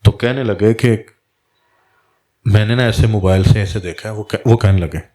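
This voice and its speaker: A man with a fairly low voice gives a storytelling religious talk as a Sufi guide. He slips into quoted voices to act out the back-and-forth of the tale. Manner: recounts dialogue in lively quoted voices.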